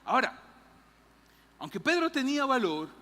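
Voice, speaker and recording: A woman preaching a lively sermon in a church, acting out Bible characters. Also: high-pitched, normal speed, big-room sound. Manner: animated, acts out Bible characters' lines, jokes with the audience. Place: church hall.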